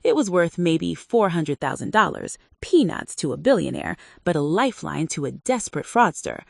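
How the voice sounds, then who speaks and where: A woman giving scripted, measured, dramatic narration of a story. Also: sits low, sing-song, vocal fry, no room sound, studio quality.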